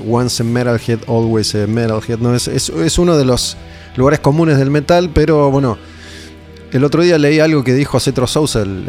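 A man hosting a casual radio interview, speaking in a measured, reflective way. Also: medium pitch, darkish tone. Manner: measured, reflective, thanks the guest.

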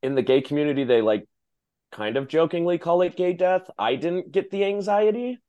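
A man in his thirties co-hosting a podcast, chatting in a relaxed way with short agreeing replies. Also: on the high side, normal speed, clear, resonant tone. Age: 30s. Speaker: guest co-host. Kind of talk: casual podcast chat.

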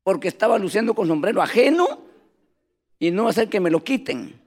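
A man preaches a sermon in a high, gravelly voice. He tells his stories with animation and keeps calling his listeners brothers. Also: big pitch swings, brisk, darkish tone.

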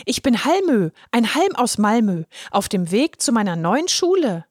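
A woman's voice: fairly high pitch, sing-song, moderate pace, no echo, clean studio sound. A woman voicing a shy, earnest young boy who is a drinking straw, in a raised storybook voice. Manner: timid, earnest. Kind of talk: storybook reading.

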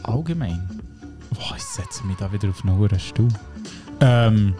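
A man's voice: on the low side, lively intonation, moderate pace, over music. A man with a Swiss German accent co-hosting a casual podcast, joking and playful. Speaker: podcast co-host.

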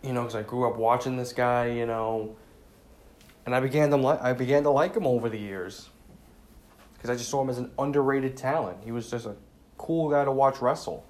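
A man with a medium-pitched, darkish voice hosts a solo podcast, talking a little fast. His casual tribute sounds sincere, saddened, and subdued, and he often uses fillers and restarts his sentences.

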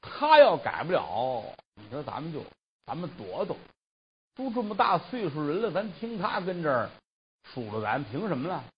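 A man's voice: fairly high pitch, wildly swooping pitch, normal speed, dull audio, slight background noise. A man doing grumbling old bird keepers. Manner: indignant, grumbling. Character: grumbling old men who keep birds.

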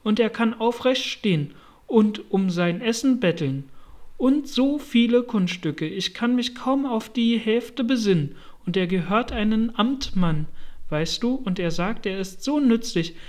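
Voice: mid-range voice, expressive, moderate pace, hardly any pauses, darkish tone, natural voice. A reader voicing a polite, well-meaning young girl in a storybook reading, with an eager, apologetic, chattering manner.

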